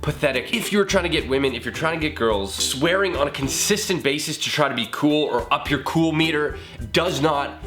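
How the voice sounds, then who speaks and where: A man's voice: fairly high pitch, a little fast, fairly bright tone, soft background music. A hungover man hosting a casual comedic vlog, talking to camera in a goofy, jokey way with casual swearing. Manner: jokey, goofy, breaks into giggles and exclamations. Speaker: video creator and host.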